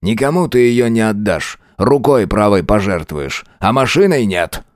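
A man's voice: lowish voice, expressive, normal speed, dry recording, clean studio sound, natural voice. A man voicing a mocking old professor and former officer in an audiobook. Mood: soothing. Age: older. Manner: mocking and teasing.

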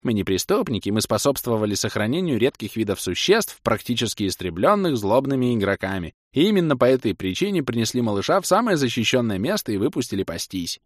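Male narrator as a hard-done-by prisoner, fast patter, dry sound. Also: mid-range voice, big pitch swings, no echo, voice pushed up. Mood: complaining. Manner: rattling off words, complaining. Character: put-upon male prisoner, quick patter.

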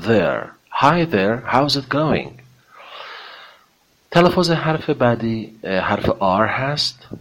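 A man teaching English pronunciation, speaking politely and formally with many hesitations, then drawing out model words slowly for learners to repeat. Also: low voice, a bit bright. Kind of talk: spoken pronunciation lesson.

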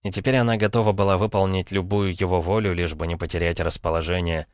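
A man narrating an audiobook in a very deep voice, reading steadily and evenly. The sound is dry and close, with no room in it. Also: level tone, fast, no room sound.

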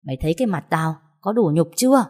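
A woman's voice: fairly low pitch, expressive, fast talker, a little mellow. A woman voicing a stern, contemptuous older husband in a storybook reading. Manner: cold and contemptuous. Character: stern, cold older husband, a local official.

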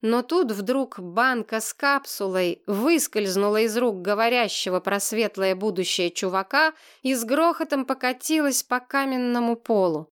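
A woman narrating a children's story in the first person, lively and expressive. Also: a little high, normal speed, few pauses, clean tone. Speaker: audiobook narrator.

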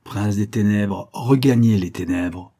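Man voicing a solemn old scientist, commanding, low husky voice, audiobook. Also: unhurried, mellow. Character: stern elderly male scientist wielding occult power.

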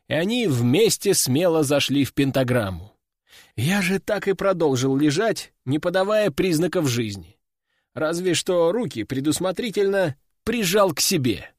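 A man giving an expressive, sardonic audiobook narration. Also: a little high, no room sound, clean studio sound.

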